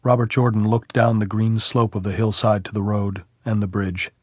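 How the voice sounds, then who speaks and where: A man narrating an audiobook in a measured, even way. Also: lowish voice, dry recording, clean studio sound. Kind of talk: scripted narration.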